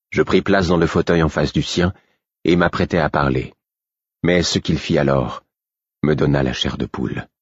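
A man reading a fantasy novel aloud as an audiobook, in measured storytelling narration. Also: rumbling low, husky, dry recording, dull audio. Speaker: audiobook reader.

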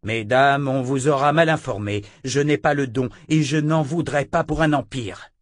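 Reading a storybook, a man voices a blunt, defiant young swordsman who is curt and guarded, pitching his natural voice above his own. The delivery is mid-range at normal speed, in clean studio sound with no room sound.

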